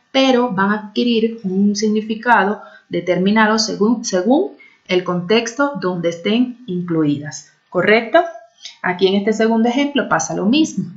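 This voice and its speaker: Woman teacher asking "right?" constantly. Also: medium pitch. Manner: explanatory, constantly checking with "¿verdad?"; frequent hesitations. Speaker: secondary school teacher. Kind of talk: recorded video class. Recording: dull lo-fi audio.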